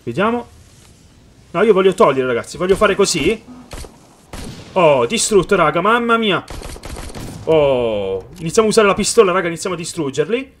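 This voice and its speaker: A man giving excited let's-play commentary on a video game, reading the game's dialogue aloud and talking straight to his viewers. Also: high voice, normal speed, pauses often, slight background noise. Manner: excited, calls viewers "raga" often. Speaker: gaming youtuber.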